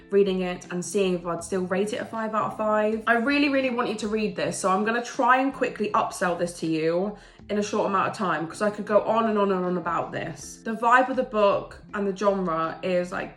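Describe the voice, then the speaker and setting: A mid-range female voice, recorded with a roomy sound, belongs to an English book vlogger stuffed up with a cold. She chats casually and eagerly about books she has recently read, gushing with enthusiasm.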